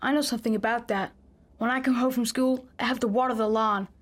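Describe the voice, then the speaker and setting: Brief: actress playing an earnest, chatty little boy, slightly high, bright and polite. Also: fairly even intonation, fast, natural voice. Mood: eager. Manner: earnest, full of questions. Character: polite, eager, curious young boy.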